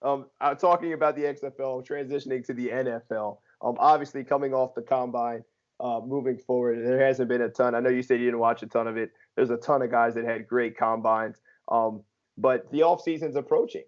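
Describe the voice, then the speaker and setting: Sports podcast dude, jokey, lots of um and uh, lo-fi sound. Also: male voice, medium pitch, steady tone, fairly quick. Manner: joking and teasing, lots of ums and filler. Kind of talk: casual sports chat. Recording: dull lo-fi podcast audio.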